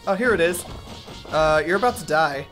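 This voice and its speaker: A man's voice: a little high, lively intonation, moderate pace, a bit bright, soft background music. A man co-hosting a let's-play, giving offhand advice and chatting casually. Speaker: co-host watching the game.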